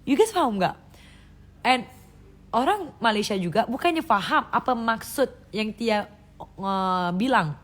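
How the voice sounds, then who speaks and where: A woman from Indonesia chatting on a live stream, lively and loose, who laughs often. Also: a little high, unhurried. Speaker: livestream host. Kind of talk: casual live-stream chat. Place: indoors, live stream from a phone.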